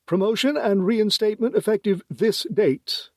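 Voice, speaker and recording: A man's voice: high voice, moderate pace, a little mellow, no echo, clean studio sound, voice pushed up. A man voicing a formal male career politician in an audiobook, speaking in a ceremonious, official tone. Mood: ceremonial.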